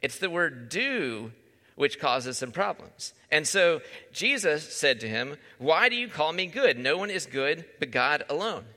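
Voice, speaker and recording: Male pastor, conversational sermon delivery, crisp bright tone, reverberant hall sound. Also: a little high, big pitch swings, unhurried. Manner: conversational, asks the listeners questions.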